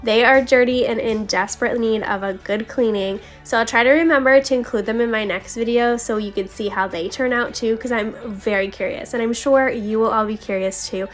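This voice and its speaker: This home vlogger's voice-over is chatty and confiding, aimed right at viewers, with background music playing. She speaks on the high side, a little fast with few pauses, her voice slightly scratchy and needing a throat-clear.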